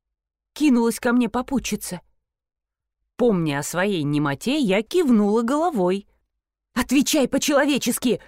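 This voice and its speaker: A woman narrating a novel in the first person, in a wry, expressive manner. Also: medium pitch, a little slow, long pauses, no echo, clean studio sound. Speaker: audiobook narrator.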